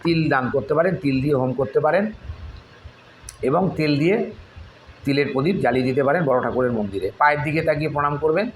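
A man who chants mantras slowly and then explains their spelling and use in religious instruction. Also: fairly high pitch, slight background noise, low-quality recording. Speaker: astrologer teaching tantric mantras.

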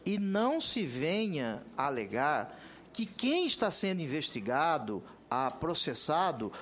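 A man's voice: a little high, sing-song, unhurried, a bit bright, a little hiss or hum. A middle-aged Brazilian man, a senator making a formal legal argument with pompous, emphatic oratory and repeated phrases. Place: large Senate committee room, indoors. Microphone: desk gooseneck microphone.

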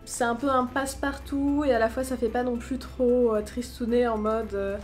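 Chatty woman with a higher voice. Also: fairly even intonation, moderate pace, faint music behind. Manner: chatty, frank, mocking asides. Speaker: vlogger reviewing cheap clothes. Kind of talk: casual unboxing review.

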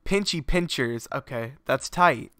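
A mid-range, fairly bright voice moves at a measured pace but stays expressive, captured with studio quality and no echo. The young man streams games from a garage setup at home, sounding blocked up as he rambles through casual chat and swears freely.

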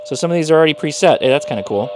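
In a small indoor workshop, a man in his thirties hosts a casual hands-on product review, demonstrating a device as he talks. His voice sits on the high side and comes out animated and rapid-fire, with noise in the background.

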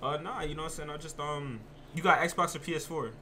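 A man's voice: a little high, steady tone, fast talker, pushed and bright. A young man with an American accent in casual chat, brash and slangy, swearing and repeating himself. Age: young adult. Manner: brash, repetitive, slangy, profane. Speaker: host of random video chats. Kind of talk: casual trash-talking chat. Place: indoor room, gaming chair at a computer.

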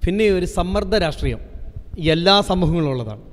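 A man's voice: high voice, expressive, fairly quick, long reverb tail. A man on a discussion panel making a pointed case and asking rhetorical questions.

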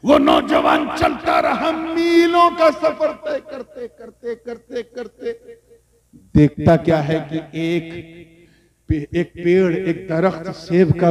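A male preacher telling a story in an animated sermon, building on repetitive rhetorical chains before a live audience. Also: on the high side. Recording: crowd laughing in background.

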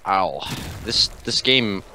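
A young man casually commentating his online gameplay, excitable and joking, often yelping when he gets a kill. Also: sits low, slow, slight background noise. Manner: excitable, yelps and jokes. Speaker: gamer. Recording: game music behind.

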